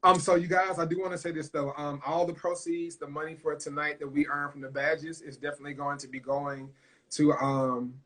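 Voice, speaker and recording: A man's voice: on the high side, flat delivery, brisk, a bit bright, low-quality recording. Earnest emphatic male talk host. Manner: earnest, emphatic, swears freely. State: emotional, choked up. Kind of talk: heartfelt livestream talk.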